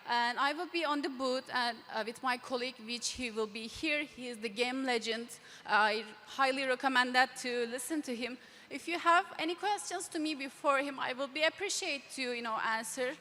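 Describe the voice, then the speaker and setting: A woman giving a conference presentation in halting, non-native English, recorded in a noisy, echoing hall. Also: sits high, bright, forceful tone. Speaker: conference speaker from a game company. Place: large event stage. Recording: noisy hall with long reverb.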